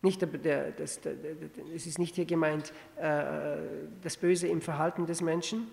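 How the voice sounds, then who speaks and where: A man's voice: on the high side, steady tone, normal speed, gravelly, darkish tone. A man preaching a conversational sermon that works through a Bible passage. He restarts often and asks his listeners rhetorical questions. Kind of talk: sermon, verse-by-verse Bible exposition. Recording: long hall reverb.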